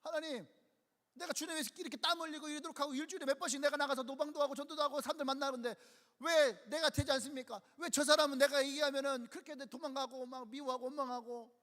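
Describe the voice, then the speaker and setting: A man's voice: very high-pitched, fairly even intonation, quick pace, fairly bright tone, voice pushed up. A man doing a frustrated believer pleading. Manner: complaining, pleading questions. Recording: long church hall reverb.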